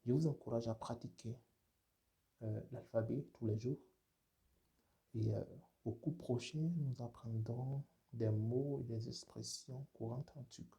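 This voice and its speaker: Homme lent, voix très sombre, professeur. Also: male voice, mid-range voice, steady tone, a little slow, creaky, warm tone. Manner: repeats sounds for learners to echo, many "euh" fillers. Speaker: language teacher. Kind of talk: slow spoken language lesson.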